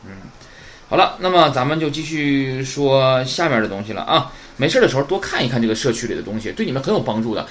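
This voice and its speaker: A man's voice: medium pitch, animated, quick pace, a bit bright. A man from northeast China who teaches Japanese grammar in a podcast lesson, often asking the listeners questions and then answering them himself.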